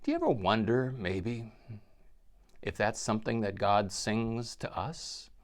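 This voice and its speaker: Male priest, reflective homily, storytelling with a very lively, swinging pitch. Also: unhurried. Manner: animated storytelling, acts out quotes.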